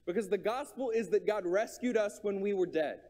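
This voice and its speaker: A man's voice: high-pitched, a little fast, mellow, in a large hall. A man preaching a sermon, earnest and repetitive, thinking aloud with small restarts.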